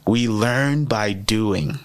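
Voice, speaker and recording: With a lowish voice, he draws out his words. He's a podcast host, a native French speaker, offering a motivational teaching talk in a talkative way that repeats key phrases and checks in with frequent "right?"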